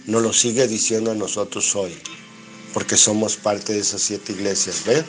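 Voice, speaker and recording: Mexican man preaching over soft guitar. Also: on the low side, steady tone, moderate pace. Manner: reads scripture aloud and explains it line by line; asks rhetorical questions and answers them. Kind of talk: bible study sermon.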